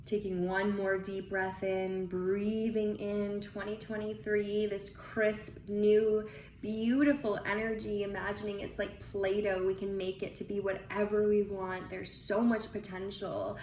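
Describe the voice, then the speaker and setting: A woman leads a guided visualization and breathing exercise, speaking slowly in a soothing, unhurried way with long pauses between phrases. Her mid-range voice is a little mellow and barely changes pitch. The room echoes, and there is faint noise.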